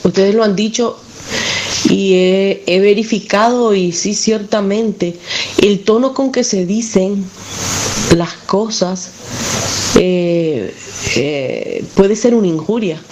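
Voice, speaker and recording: Female caller, deliberate and pausing, noisy line. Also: medium pitch, lively intonation. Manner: deliberate, thoughtful, with pauses. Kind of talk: radio call-in discussion.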